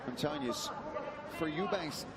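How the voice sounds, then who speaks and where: A man's voice: on the high side, lively intonation, moderate pace. A man giving conversational, explanatory colour commentary on a live fight. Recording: loud crowd behind.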